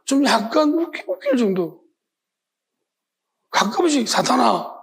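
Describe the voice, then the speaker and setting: Gravelly-voiced pastor preaching. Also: male voice, sits high, expressive, moderate pace. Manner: emphatic, rhetorical questions, acts out imagined voices. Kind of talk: evening sermon.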